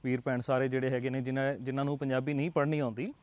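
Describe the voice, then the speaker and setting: A man's voice: mid-range voice, little pitch movement, racing, a little mellow, dry recording. A young man with a Punjabi accent, an IELTS tutor giving earnest, coaxing advice to camera. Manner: earnest, coaxing, checks in with rhetorical tags. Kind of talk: motivational talk to camera.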